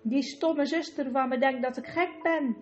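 A woman reading an audiobook and voicing a greedy, excitable sixty-year-old man who gushes and schemes. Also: high voice, normal speed, muffled recording, natural voice. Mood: gleeful greedy. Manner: gushing, scheming, rubs hands with glee. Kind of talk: audiobook character voice.

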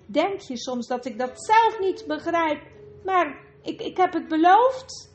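A woman's voice: very high voice, expressive, slow pace, soft background music, voice pushed up, full character voice. A woman voicing a young boy in a storybook reading, strained and defiant. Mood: pleading. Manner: strained, pleading then angry.

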